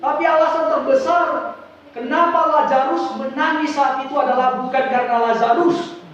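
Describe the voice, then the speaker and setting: A man preaching a sermon through dramatic storytelling, his delivery swinging from hushed to loud. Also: extremely high pitch, steady tone, normal speed, slight background noise. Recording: very echoey, distant mic, dull sound.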